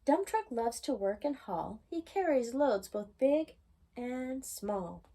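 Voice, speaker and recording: A woman reading a children's bedtime picture book aloud in a gentle, singsong way. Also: fairly high pitch, animated, slow pace. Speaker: children's storytime reader.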